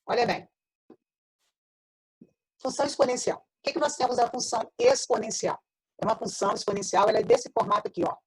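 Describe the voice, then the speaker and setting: A woman's voice: fairly high pitch, a little fast, long pauses, husky, rough recording. A Brazilian woman teaching a math class online, her voice breaking up into choppy, robotic video-call audio as she explains step by step. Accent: Brazilian Portuguese. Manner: explains step by step, checks in with tag questions. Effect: choppy, robotic, glitching video-call audio.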